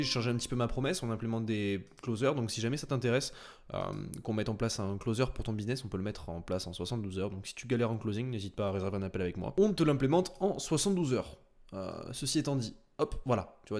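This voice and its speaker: Fast-talking man giving a casual tutorial. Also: lowish voice, darkish tone. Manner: rapid, filler-heavy, with sound words like "boum" and "tac". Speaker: sales coach. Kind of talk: casual screen-share tutorial.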